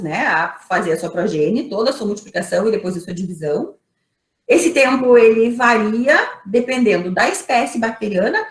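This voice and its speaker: A woman with a Brazilian Portuguese accent teaching an online microbiology class, explaining step by step, asking rhetorical questions and checking in with her students. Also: fairly high pitch. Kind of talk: online lecture. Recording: echoey room.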